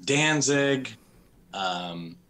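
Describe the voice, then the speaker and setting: A man's voice: medium pitch, lively intonation, drawn-out words, pushed and bright. A man being interviewed about his band, talking in a laid-back way with frequent laughs. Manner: laid-back, laughs often, drawls words. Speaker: drummer and interview guest. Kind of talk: casual interview chat.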